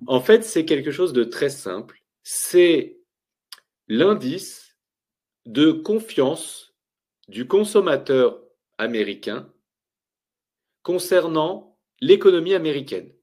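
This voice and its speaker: A man explaining market indicators to viewers, with lively, emphatic delivery and rhetorical questions. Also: a little high, slow, long pauses, husky. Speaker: finance educator.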